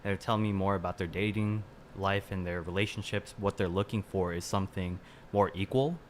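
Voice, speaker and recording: Deep-voiced twenty-year-old man. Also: steady tone, a little fast, slight background noise. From Midwestern US. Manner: thoughtful, hedging with "uh" and "I mean". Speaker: student, podcast guest. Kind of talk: casual panel discussion.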